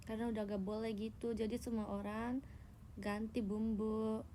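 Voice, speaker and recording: A young Indonesian idol chats with her viewers over a phone livestream, teasing them and telling tall tales in a casual, playful manner. Her fairly high, dark voice has a flat delivery at normal speed, with a little hiss or hum.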